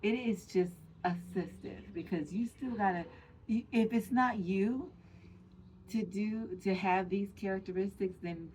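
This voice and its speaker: A woman's voice: medium pitch, measured pace, a little mellow, slight background noise, rough recording. A woman co-hosting a podcast, speaking in an earnest, emphatic way as she lays out points. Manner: earnest and emphatic, building lists. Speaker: podcast co-host. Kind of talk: casual chat.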